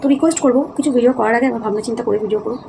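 A woman vlogger talks straight to her viewers, earnest and a little worn down as she explains herself. Her voice sits slightly high with a gravelly edge, and the words come out quickly. Steady background noise runs under the recording. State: feeling low and heavy-hearted. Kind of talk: casual talk to viewers.

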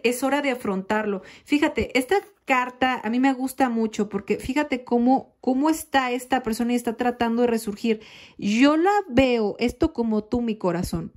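A woman giving a slow, emphatic tarot reading straight to the listener, often calling them "corazón". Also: a little high, darkish tone. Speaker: tarot reader. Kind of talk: intimate direct-to-camera tarot reading.

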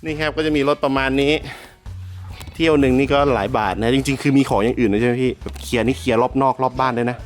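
A man hosting a casual vlog from around a house, excitable and joking, swearing freely and talking straight to his viewers. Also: medium pitch, quick pace, soft background music. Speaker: YouTube host.

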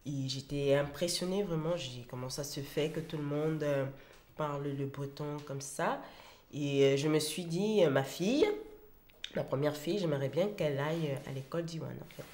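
A woman's voice: deep voice, normal speed, a little mellow. A woman from Gabon, a parent, speaking in an interview in a thoughtful, hesitant way.

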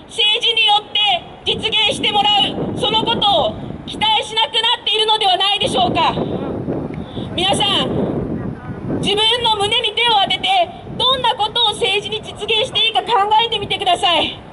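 A woman giving an earnest street campaign speech, appealing to listeners with rhetorical questions over a handheld microphone and loudspeakers. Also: very high voice. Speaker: campaign speaker introducing a candidate. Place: outdoor urban street rally stage. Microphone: handheld mic over PA, filmed from a distance. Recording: noisy busy street with crowd.

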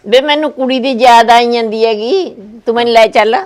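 A nagging old granny in a homemade family skit, as a man puts her on, whining that nobody listens to an old woman. The voice sits high for a man and keeps a plaintive, complaining tone throughout. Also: a little fast. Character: elderly village grandmother, missing her daughter. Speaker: grandmother. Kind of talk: family comedy skit acting.

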